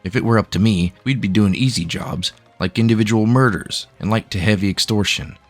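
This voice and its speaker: A man voicing a gruff, burly male outlaw gunman who blusters and grumbles. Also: fairly low pitch, fairly quick, soft background music, natural voice. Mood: blustering.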